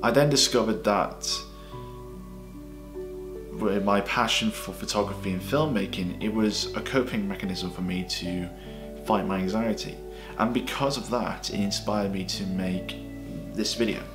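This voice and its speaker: A man's voice: fairly low pitch, unhurried. Earnest young man narrating over music. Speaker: documentary maker and interviewer.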